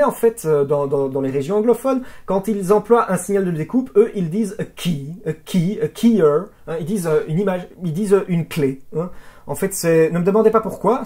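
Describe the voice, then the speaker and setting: A video editing instructor giving a software tutorial, chatty, asking rhetorical questions and often restarting words. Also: medium pitch. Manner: chatty, with frequent "hop", "voilà" and "hein" fillers; asks rhetorical questions and answers them.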